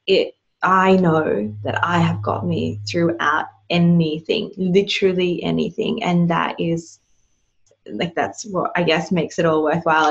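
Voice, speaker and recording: A woman's voice: lowish voice, muffled recording. A woman hosting a podcast, talking in a reflective, casual way. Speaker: podcast host.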